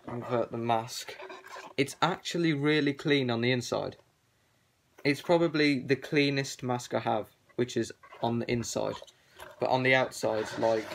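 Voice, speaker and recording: A man's voice: mid-range voice, vocal fry, a little hiss or hum. A man speaking through a cloth balaclava, showing his gas mask collection in a rambling, offhand chat full of fillers. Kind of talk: casual show-and-tell vlog.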